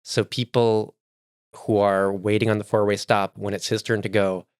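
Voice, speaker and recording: A man's voice: fairly low pitch, flat delivery, moderate pace, smooth, no room sound, studio quality. A man introducing his character on a role-play podcast in a casual, laughing way. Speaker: player. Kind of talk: casual chat.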